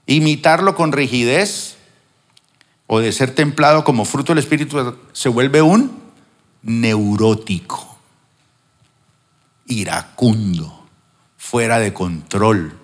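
A man preaches from the pulpit at an unhurried, deliberate pace, pausing for emphasis. He slips into little acted-out voices to make his points. His voice rings with the long reverb of a large hall. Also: medium pitch. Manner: teaching with acted-out examples, emphatic pauses. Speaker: pastor. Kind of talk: sermon.

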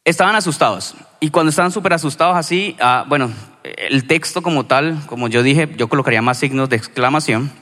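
A man with a Colombian accent from Cali, a pastor giving a sermon in a conversational, storytelling way with lively asides. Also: on the high side, fairly quick. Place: church hall. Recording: reverberant church hall.

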